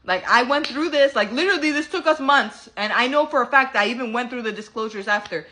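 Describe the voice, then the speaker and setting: A woman telling a story at home in a bright, sharp-edged voice. She talks in a casual, animated way, sassy and full of swearing, like she is venting to her followers. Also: fairly high pitch, a little fast, a little hiss or hum. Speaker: vlogger.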